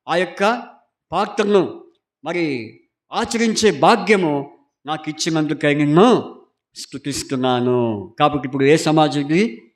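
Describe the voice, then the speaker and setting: A male pastor preaching a Sunday sermon, reading scripture slowly and repeatedly asking the congregation questions, urging them to answer aloud. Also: fairly high pitch. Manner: reads scripture slowly and emphatically.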